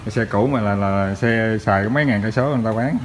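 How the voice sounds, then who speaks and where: Southern vietnamese guy doing a salesman pitch, kinda deep voice, chatty w lots of pauses, phone vid with noisy vehicle background. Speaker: used motorbike shop salesman. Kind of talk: casual sales walkaround vlog. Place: tiled motorbike showroom. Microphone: handheld phone behind camera. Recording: noisy handheld recording with vehicle sounds.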